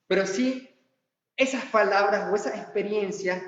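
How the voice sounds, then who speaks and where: High-voiced preacher in an echoey hall. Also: male voice, moderate pace. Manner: animated, acts out quoted dialogue. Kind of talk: sermon. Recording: echoey hall, far from mic, dull lo-fi sound.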